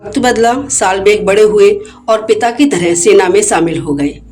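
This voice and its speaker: A woman's voice: mid-range voice, moderate pace, darkish tone, soft background music. A woman narrating a devotional story in an emotive, dramatic storytelling manner.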